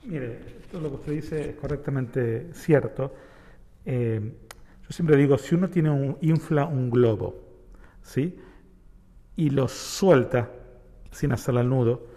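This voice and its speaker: A man from Argentina with an Argentine accent, a rabbi guest calmly explaining ideas with everyday examples and parables. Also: medium pitch, big-room sound. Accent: Argentine Spanish. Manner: reflective, uses homely examples and parables. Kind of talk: explanatory talk-show conversation.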